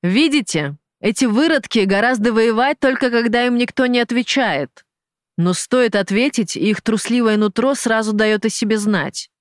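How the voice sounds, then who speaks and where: An audiobook reader voicing a cruel, mocking male gang boss, taunting and falsely genial, in a higher, louder voice than the narration. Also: normal speed, no room sound, studio quality, close to an everyday voice. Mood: sneering. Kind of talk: audiobook character voice.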